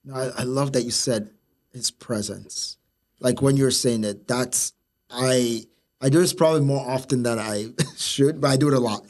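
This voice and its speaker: A man talking casually and reflectively, halting at times and repeating words for emphasis. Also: medium pitch, a little mellow. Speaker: co-host who preaches.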